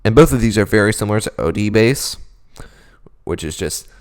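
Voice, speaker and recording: A man's voice: lowish voice, animated, fairly quick, smooth. A young man hosting a casual beatboxing tutorial, explaining vocal techniques in a laid-back, self-deprecating way.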